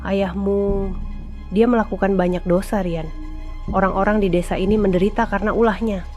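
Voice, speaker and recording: A woman voicing a sorrowful mother who confides gravely in her son in a horror story. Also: mid-range voice, fairly even intonation, normal speed, a little mellow, soft background music, lightly acted.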